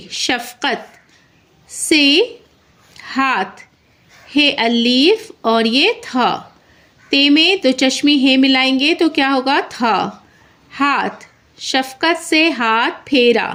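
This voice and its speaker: A woman's voice: high voice, fairly bright tone. A woman teaching handwriting, dictating a story word by word and naming each letter as she writes it. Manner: spells each word letter by letter, then repeats it. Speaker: Urdu writing teacher. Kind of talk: slow dictation lesson, spelling out letters.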